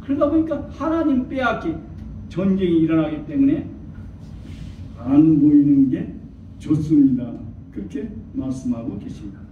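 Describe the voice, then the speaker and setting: A man preaching a sermon as a church elder, throwing rhetorical questions to the congregation and acting out quoted voices. His voice is high and carries through a strongly echoing church hall. The recording is dull and distant, with faint noise behind. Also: lively intonation, moderate pace. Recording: echoey hall from far off, dull.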